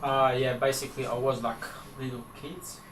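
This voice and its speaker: A young man from Afghanistan answering interview questions, halting and hesitant with many fillers, recorded in a small indoor room. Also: mid-range voice, little pitch movement, a bit bright, slight background noise. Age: young adult. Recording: echoey room, from far off.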